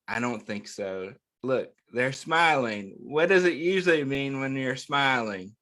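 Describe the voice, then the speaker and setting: In a lively, slightly slow delivery, a man with a medium-pitched, bright and forceful voice hosts storytime for kids. He reads a picture book aloud and engages the little listeners directly with simple, encouraging questions that he answers.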